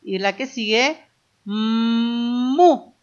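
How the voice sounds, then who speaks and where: A woman's voice: on the high side, expressive, takes it slowly, a bit bright, highs cut off. A woman teacher giving a children's phonics lesson, patiently sounding out letters and syllables one by one.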